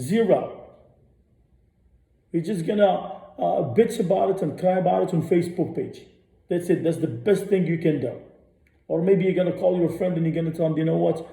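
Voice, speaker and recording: A man rants on a radio show, blunt and profane, and he hammers his points again and again. His voice is very dark and sits a little high. The room around him sounds echoey. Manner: blunt, profane, repeats himself. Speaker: radio host. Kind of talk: ranting monologue.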